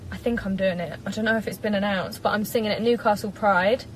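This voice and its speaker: A woman's voice: medium pitch, steady tone, fast, a little hiss or hum, low-quality recording. A woman in her twenties with an English accent, chatting casually to a live-stream audience from a parked car, speaking into a propped-up phone. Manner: chatty, bubbly, giggly. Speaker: singer doing a live stream. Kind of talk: casual live-stream chat reading comments. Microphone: phone propped up in front.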